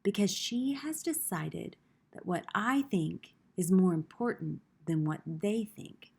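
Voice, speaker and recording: A woman voicing a big, fatherly woodcarver in a children's storybook, speaking gently and thoughtfully with slow reassurance. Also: on the low side, lively intonation, vocal fry, breathy edge, full character voice. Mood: reassuring.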